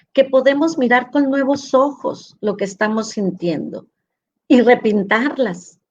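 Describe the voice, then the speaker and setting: A middle-aged woman, a school rector, giving a slow heartfelt talk on emotions, telling anecdotes and acting out quoted dialogue. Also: a little high, darkish tone, dull audio. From northwestern Mexico. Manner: tender, acts out quoted dialogue.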